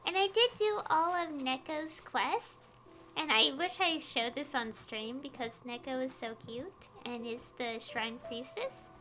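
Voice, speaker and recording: A woman game streamer with a high, bright, forceful voice chats casually over her gameplay on a livestream. She talks in an unhurried, rambling, conversational way.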